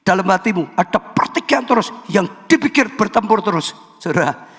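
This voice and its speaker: A man preaching a sermon as pastor. He swings from soft pleading to loud exhortation. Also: high voice, expressive, moderate pace, husky. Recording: long hall reverb.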